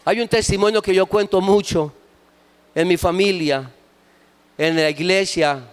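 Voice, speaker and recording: A middle-aged man, preaching a sermon as pastor with impassioned storytelling that rises at times to shouts. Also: high voice, measured pace, smooth.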